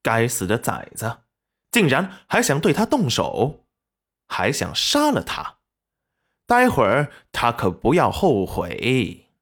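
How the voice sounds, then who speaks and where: A man's voice: medium pitch, wildly swooping pitch, slow, a bit bright, full character voice. A man voicing a proud, grumpy old male master healer in an audiobook, scolding and huffy.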